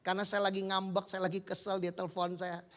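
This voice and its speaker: A man's voice: sits high, completely flat delivery, quick pace, fairly bright tone. A man preaching a sermon, telling the story vividly and acting out the dialogue.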